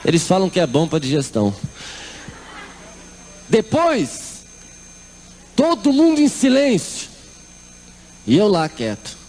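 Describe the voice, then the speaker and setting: A man's voice: high voice, wildly swooping pitch, slow pace, pauses often, darkish tone, a little hiss or hum. A middle-aged Brazilian man giving a comic church testimony, acting out the people in his story. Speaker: testimony speaker.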